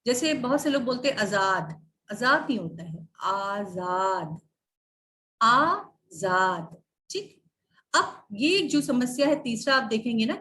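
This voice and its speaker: Slow-enunciating woman Hindi teacher. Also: high-pitched, a bit bright. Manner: slow, drawn-out enunciation of example words. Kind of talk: spelling and pronunciation lesson. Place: online class video.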